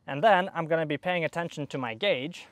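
With a fairly high, fairly bright voice and a fairly quick pace, a young HVAC technician explains his work step by step as he handles an outdoor air conditioner, giving a hands-on tutorial out by the unit.

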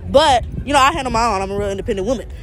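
A woman's voice: on the high side, very fast, a bit bright, slight background noise. A young woman answering a street interview at night, blunt and laughing as she explains herself. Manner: blunt, laughing, independent talk. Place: outdoor parking lot at night.

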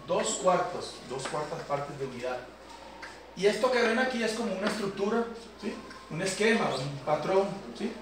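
A Colombian piano instructor teaches a beginner keyboard class at a community center, patiently explaining and checking in with his students. His voice sits high and is expressive at a normal pace. A far-off camera mic picks up roomy echo, keyboard playing, and background noise.

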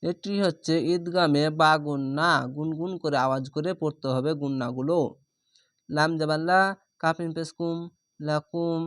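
A man's voice: fairly high pitch, fairly even intonation, fairly bright tone, dry recording, clean studio sound. A man teaching Quran reading, patiently spelling out each syllable letter by letter and explaining the rules as he goes. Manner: spells out syllables slowly and methodically.

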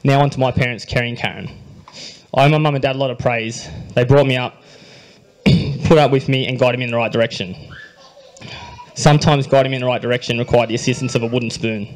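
Young aussie guy doing his groom speech on a handheld mic, dry jokes, gets a bit emotional, keeps clearing his throat. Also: medium pitch, steady tone, quick pace, long pauses, slight background noise, poor audio. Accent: Australian. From Australia. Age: young adult. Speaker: groom giving a wedding speech. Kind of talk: reading a prepared wedding speech. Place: wedding reception hall, indoors. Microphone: handheld microphone.

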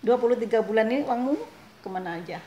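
A woman's voice: a little high, lively intonation, fast, warm tone, highs cut off. A woman from Indonesia, chatting casually to her viewers in a vlog and laughing often. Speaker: vlogger. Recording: echoey room, faint noise.

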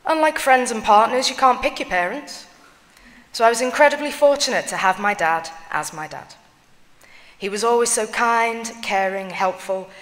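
Woman reading eulogies in a reverberant church. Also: mid-range voice. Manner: measured, solemn reading. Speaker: reader of family tributes at a funeral. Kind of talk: reading written eulogies aloud.

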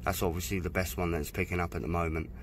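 Against a noisy background, a low-pitched man with a level tone demonstrates his boat stereo outdoors at a dry stack. He's from the United Kingdom, and he chats unhurriedly, calling out menu items during this casual hands-on demo.

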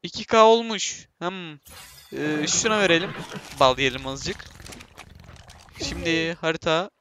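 A man giving casual, self-mocking commentary while playing a game, talking to himself and his viewers and bursting into excited shouts. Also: a little high, measured pace, slight background noise. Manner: self-mocking, laughs often. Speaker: gameplay streamer.

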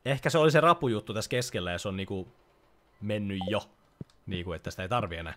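A man's voice: lowish voice, a bit bright. A young man giving casual let's-play commentary, chatty and joking as he reads game lines aloud. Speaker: gaming YouTuber.

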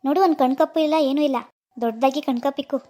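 A woman's voice: high-pitched, fairly even intonation, racing, voice pushed up, close to an everyday voice. Woman doing a kindly old cartoon father. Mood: advising. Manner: gentle, fatherly advice. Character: older father, kindly and superstitious.

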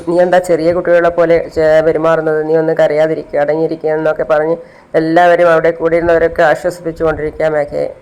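A man recaps a TV serial episode in a relaxed, spoken storytelling way. His voice sits a little high for a man and sounds smooth and clear. He talks steadily and plainly, with the odd hesitation sound. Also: rough recording. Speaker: channel host recapping a TV serial.

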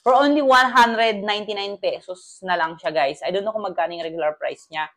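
A man's voice: sits high, fairly quick, fairly bright tone. Chatty young Filipino man unboxing. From Philippines. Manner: chatty, addresses viewers as guys, switches between Tagalog and English. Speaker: vlogger. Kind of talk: casual product unboxing review. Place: small home kitchen, indoors. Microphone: lapel mic.

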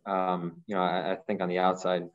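Speaking over a slightly dull, lo-fi video call, a professional goalkeeper with a very low, monotone voice and an Ohio athlete's way of talking fields press questions. He's measured, fills his answers with fillers, and restarts and repeats words while he thinks. He sits in a small room before a branded backdrop, and the call audio sounds masked.

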